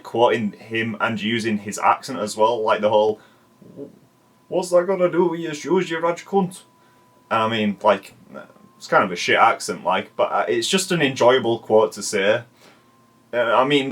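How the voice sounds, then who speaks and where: Casual commentary host, a man with a lowish voice, relaxed and chatty. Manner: chatty, swears casually, lots of "like". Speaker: video essay host.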